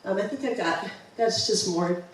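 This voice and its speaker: A woman's voice: medium pitch, normal speed, a little hiss or hum. Chatty woman in a very echoey room. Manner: chatty, enthusiastic, many ums and restarts. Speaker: presenter of a travel slideshow. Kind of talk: casual slideshow talk. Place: museum presentation room. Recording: far-off mic in a very echoey room.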